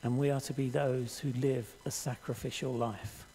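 An older man preaching a sermon in a church hall, earnest and measured, reading scripture aloud to the congregation. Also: medium pitch, little pitch movement, dark tone, a little hiss or hum. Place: church hall stage with audience.

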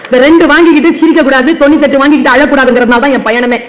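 Woman teacher on stage, high voice, animated storyteller, hall echo. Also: rapid-fire, a little hiss or hum. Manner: lively storytelling, speaks straight to the crowd. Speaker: teacher giving a public talk. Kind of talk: public speech at a book fair. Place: large hall at a book fair.

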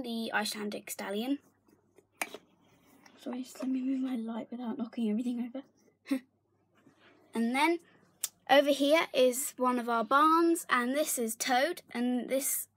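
A young woman narrates a casual tour of her toy horse barn, chatty and giggly, sometimes dropping to a whisper, filmed on a handheld phone in her bedroom. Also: fairly high pitch. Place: bedroom, indoors. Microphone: handheld phone camera.

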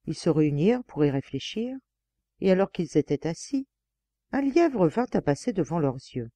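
A woman reads a classic fairy tale aloud with a lively, expressive rise and fall. Her tone is mellow and soft-edged. The close mic gives a dry, booth-like sound. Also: fairly low pitch, moderate pace, dry recording. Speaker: audiobook reader. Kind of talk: scripted fairy-tale narration.

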